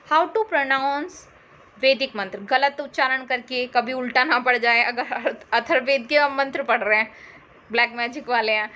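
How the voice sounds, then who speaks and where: A woman's voice: sits high, bright, forceful tone. A woman teaching an exam-prep history lesson, who repeats key terms and quizzes her listeners with questions. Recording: slightly dull audio with faint noise.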